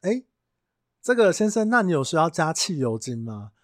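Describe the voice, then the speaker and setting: Guy playing a young gas station attendant, polite but way too blunt, bouncy lively pitch. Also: normal speed, dry recording, clean studio sound. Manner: courteous, matter-of-fact sales pitch.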